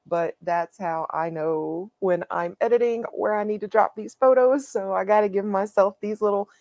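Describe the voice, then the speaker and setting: A woman hosting her own coloring channel, chatting casually and haltingly with plenty of fillers as she shows her finished pages. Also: medium pitch, darkish tone, no room sound, lo-fi sound. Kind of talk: casual show-and-tell.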